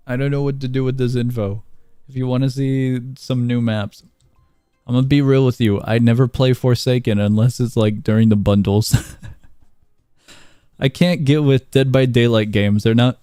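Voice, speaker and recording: Guy streaming a game, reads npc lines out loud and chuckles a lot, warm low-key tone, dry mic. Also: clean tone, no echo. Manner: reads game dialogue aloud, chuckles often. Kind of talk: casual gameplay commentary.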